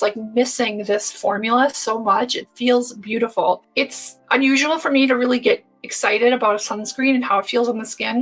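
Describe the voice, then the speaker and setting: A woman's voice: fairly high pitch, vocal fry, a bit bright, slightly rough, low-quality recording. A woman in her forties chatting casually and enthusiastically through a beauty product review, talking straight to her viewers. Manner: chatty, enthusiastic, addresses viewers as you guys. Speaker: beauty vlogger.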